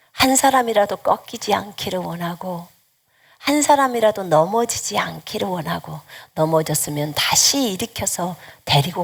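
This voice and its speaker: Gravelly-voiced woman preaching a sermon. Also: mid-range voice. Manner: animated storytelling, acting out dialogue with laughter. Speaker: missionary preacher. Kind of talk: sermon with personal testimony.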